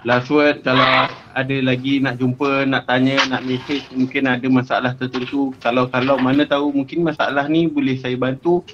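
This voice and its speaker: A male preacher from Malaysia leading an impassioned prayer on a live stream, pleading fervently and at times sobbing and shouting. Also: medium pitch, level tone, moderate pace, highs cut off, background noise. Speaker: religious preacher.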